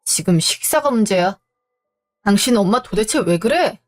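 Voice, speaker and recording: A woman's voice: medium pitch, lively intonation, normal speed, faint music behind, natural voice. Audio drama: rude, irritable husband, blunt and scornful, read by a woman. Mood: irritated. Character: irritable rude husband, middle-aged man.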